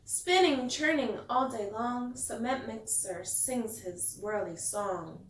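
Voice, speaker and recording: A woman reading a bedtime story aloud to children like a teacher, in an expressive sing-song way that stresses the rhymes. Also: fairly high pitch, slow, a little hiss or hum. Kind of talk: bedtime story read-aloud with asides to young listeners. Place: echoey indoor room. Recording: echoey room, distant mic.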